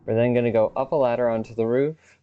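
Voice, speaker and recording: A man's voice: medium pitch, fairly even intonation, quick pace, clear, resonant tone, phone-quality sound. A man casually narrating a video game walkthrough with wry, offhand remarks. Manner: wry, offhand, swears when he slips.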